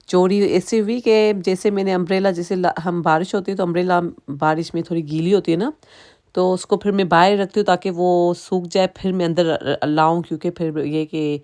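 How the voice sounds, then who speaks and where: Woman, Sindhi accent, native Sindhi speaker, casual vlog chatter, rambling asides, somewhat low voice. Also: steady tone, a little mellow. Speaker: vlogger.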